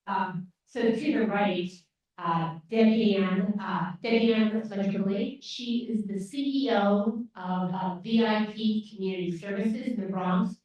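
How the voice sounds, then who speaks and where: A woman who grew up on a dairy farm moderates a live event, introducing panelists hesitantly with frequent fillers and restarts. Her mid-range voice is unhurried, a little mellow, and fairly even in intonation. The sound is distant, dull, and echoey from a large lecture room.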